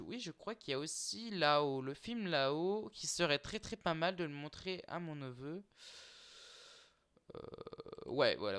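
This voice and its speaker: A young man with a bright, high voice talks loosely to the camera, tripping over restarts and filler sounds and repeatedly calling his viewers "guys." The YouTuber is listing streaming titles in a casual, unscripted vlog. His tone stays clean and smooth throughout.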